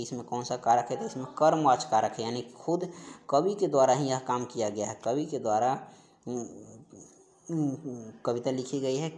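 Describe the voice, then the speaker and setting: A man with a medium-pitched, darkish voice explains quiz questions in an online exam-prep class. He goes over questions and answers in a repetitive, instructional way, driving key terms home by repeating them.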